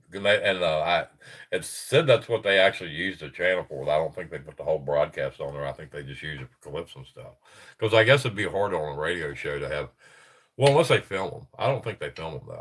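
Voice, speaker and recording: Reading reports aloud on his casual livestream, a middle-aged man rambles with chuckles and frequent self-interruptions. His voice is low-pitched, congested and stuffy, fairly bright in tone with a breathy edge.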